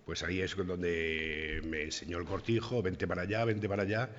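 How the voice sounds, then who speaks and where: Very deep-voiced, easygoing man from Madrid. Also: fairly even intonation, moderate pace, a bit bright, long reverb tail, highs cut off. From Madrid, Spain. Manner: easygoing, adds frequent tag questions. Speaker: guest from the audience. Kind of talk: casual conversation.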